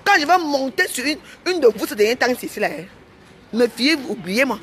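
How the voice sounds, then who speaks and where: A woman's voice: high voice, sing-song, fairly quick, fairly bright tone. This is a woman with a Cameroonian French accent, venting to her followers in an angry vlog. She talks in an indignant, repetitive way, punching her points with "hein". A light background hiss sits beneath her voice. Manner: indignant, repeats herself, ends phrases with "hein". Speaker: vlogger. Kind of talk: heated rant to camera.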